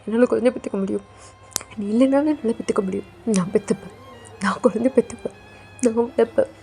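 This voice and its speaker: A woman's voice: fairly high pitch, fast talker, gravelly, mellow, soft background music. A woman voicing a young man who pleads tearfully and insistently with his lover for a child, in a fan audio drama. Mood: defiant.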